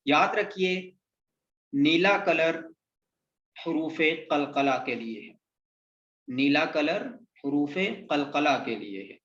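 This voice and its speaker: A man with a slightly high, somewhat bright voice teaches Quran reading, patiently drilling syllables one at a time. He goes slowly and pauses often while spelling out letter sounds. The lesson sounds roomy, dull, and lo-fi.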